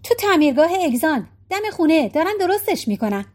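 A woman's voice: high-pitched, very animated, a little mellow, pitched above the performer's own voice. A woman reading a storybook voicing a carefree, scatterbrained middle-aged woman who answers offhandedly. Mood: airy.

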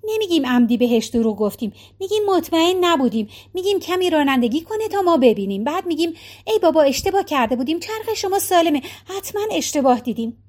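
A woman's voice: high-pitched, sing-song, a little mellow. A woman voicing an impulsive, pleading wife. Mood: fretful. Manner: urgent, pleading, rapid. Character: impulsive, talkative, tenderhearted wife.

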